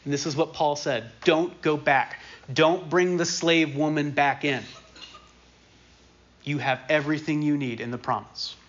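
A man's voice: fairly high pitch, fairly even intonation, unhurried. A man preaching a sermon in a casual, conversational way, repeating key phrases for emphasis. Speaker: pastor. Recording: dull lo-fi sermon recording.

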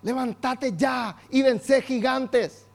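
A man with a very high voice preaches in with emphatic fervor. He calls on the congregation to repeat phrases back to him. He acts out the quoted lines of biblical figures. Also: slow pace, vocal fry. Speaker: pastor. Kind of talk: sermon.

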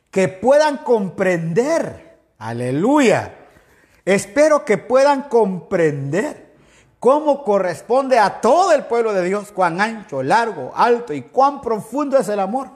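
A man from Ecuador delivers a fervent sermon in a high voice. He speaks straight to his listeners and breaks into frequent exclamations. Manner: fervent, addresses listeners directly, exclaims often. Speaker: preacher.

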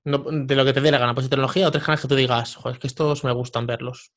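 A male podcast host asks his guest quick, chatty questions. His voice sits at a middle pitch and sounds plain and everyday. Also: steady tone, a bit bright. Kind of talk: casual interview.

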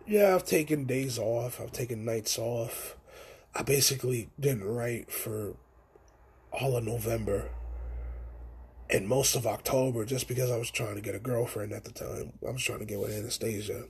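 A young man hosts his own podcast, talking through a story in loose, profane slang. His voice has a gravelly fry and a deeply husky, raspy texture. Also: normal speed, darkish tone. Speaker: podcast host. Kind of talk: casual solo podcast chat.

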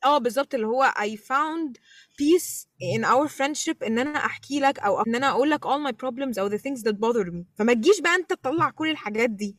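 A woman's voice: high-pitched, expressive, quick pace, no room sound. A woman with an Egyptian Arabic accent chatting casually as a podcast co-host, moving between Arabic and English mid-sentence. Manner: mixes English phrases into Arabic. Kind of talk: casual chat.

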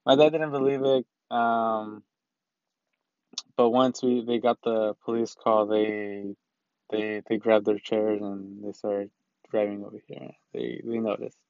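A man's voice: on the low side, flat delivery, slow pace, darkish tone, clear, resonant tone, no echo. Young guy just rambling thru a story, lots of restarts, kinda dull dry sound. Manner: rambling, loose, full of restarts. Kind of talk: casual personal storytelling.

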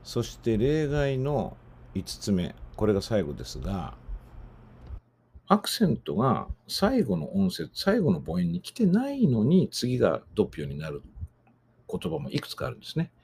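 A man from Japan hosts a podcast lecture on singing diction, patiently explaining the rules with many fillers. He is a voice teacher with a gravelly, darkish medium voice that swoops wildly in pitch at a normal speed, with slight background noise.

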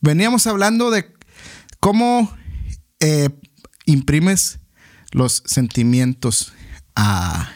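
A man hosting a podcast, talking in a relaxed, easygoing way. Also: fairly high pitch, takes it slowly, long pauses. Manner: relaxed, easygoing, with frequent backchannels. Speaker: podcast host. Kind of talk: casual podcast chat.

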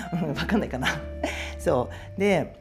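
Woman, from Japan, chatty storyteller, animated swooping pitch, faint music behind. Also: normal speed. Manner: chatty, lots of fillers, acts out quotes. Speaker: host. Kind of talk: casual storytelling monologue.

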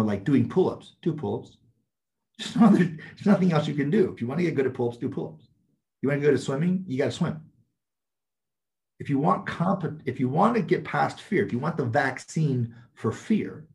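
A man's voice: medium pitch, darkish tone. A man talking bluntly and emphatically as an interview guest, laughing often as he makes his points. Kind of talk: casual chat.

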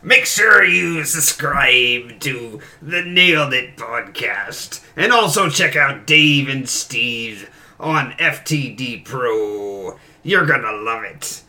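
A podcast co-host putting on a hammy pirate voice to read the show's sign-off. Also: male voice, medium pitch, expressive, slow, sharp tone, heavily acted. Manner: hammy, trailing off. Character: man playing a gruff, goofy pirate.

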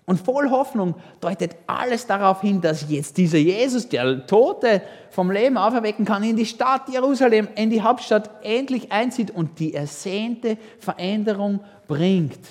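A man delivers a sermon to a congregation, his voice pitched a little high for a man. He preaches in a lively, animated way and throws in rhetorical questions. His words ring out with the long reverb of a church hall. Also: moderate pace, few pauses. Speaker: pastor.

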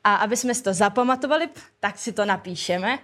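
A woman's voice: medium pitch, a bit bright, slight background noise. Casual, hesitant woman preaching a sermon. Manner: conversational, with frequent hesitations and colloquial phrasing. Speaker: preacher at a church service. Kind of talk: informal sermon with a spoken prayer.

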